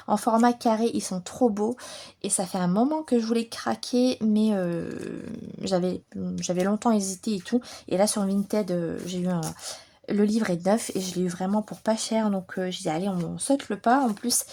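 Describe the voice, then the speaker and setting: A French woman vlogging casually about her coloring books, chatty and enthusiastic, a little hoarse as she recovers from bronchitis. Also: medium pitch, mellow, a little hiss or hum. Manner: chatty, enthusiastic, many fillers. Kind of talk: casual vlog chat.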